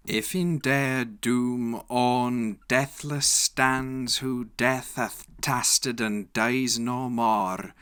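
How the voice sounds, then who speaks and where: A man solemnly and dramatically reciting epic verse in a reconstructed Elizabethan English accent, with measured, declamatory delivery. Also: low-pitched, bright, forceful tone, dry recording, clean studio sound. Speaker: poetry reciter.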